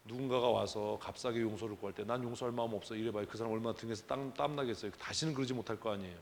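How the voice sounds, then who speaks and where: A man's voice: lowish voice, fairly even intonation, rapid-fire, in a large hall, slight background noise. A man preaching as pastor at a church prayer meeting, talking conversationally and emphatically with many rhetorical questions. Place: church sanctuary.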